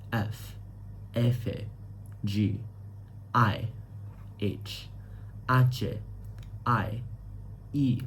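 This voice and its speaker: A man's voice: on the low side, darkish tone, a little hiss or hum. A man, a student teaching beginner Spanish, narrating a tutorial and spelling each letter out, then repeating it. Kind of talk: screen-recorded tutorial narration.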